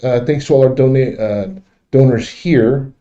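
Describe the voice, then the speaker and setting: A man hosting a casual, unscripted livestream, speaking in a halting, repetitive way, recorded in dull, muffled audio. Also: medium pitch, dark tone. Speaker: livestream host.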